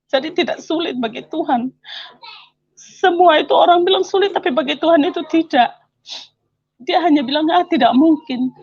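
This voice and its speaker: A woman's voice: sits high, moderate pace, pauses often, no room sound, lo-fi sound. A middle-aged woman telling her personal faith testimony in an earnest, emotional way, her voice rising and at times tearful. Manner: earnest, emotional, voice rising when praising God. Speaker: testimony speaker.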